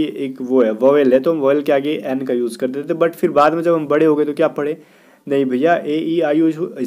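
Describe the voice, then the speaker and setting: A man runs an exam-prep grammar lesson, explaining in Hindi and reading English sentences slowly word by word. His voice is mellow and dark, sitting a little high for a man. He keeps checking in with the class. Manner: keeps asking "theek hai na" and "kya bhai".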